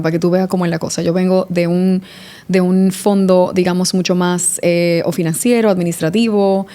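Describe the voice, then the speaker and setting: A woman from the Dominican Republic, speaking as a sommelier guest on a podcast. Her voice is mellow and warm at an average pitch. She thinks aloud, restarting phrases and filling pauses as she goes. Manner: reflective, restarts often, eh fillers. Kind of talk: casual podcast interview.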